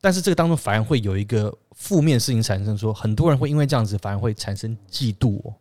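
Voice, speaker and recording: Casting: man, Taiwanese accent, casual discussion host, rapid rambling delivery, dry studio-close sound. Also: fairly low pitch, expressive, a little mellow, no echo. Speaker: talk show host. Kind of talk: casual discussion, explaining to co-hosts.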